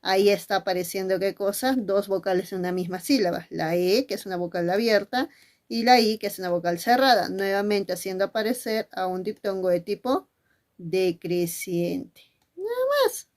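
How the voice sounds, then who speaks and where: A woman's voice: mid-range voice, fairly even intonation, moderate pace, a little mellow. A woman teacher giving a spelling lesson. She asks questions and then answers them herself, and she speaks fondly to her pupils.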